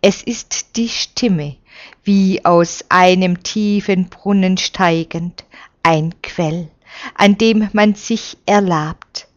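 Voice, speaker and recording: A woman reading a story aloud in a slow, solemn way. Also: lowish voice, dull audio. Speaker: narrator. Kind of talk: reading aloud a religious novel.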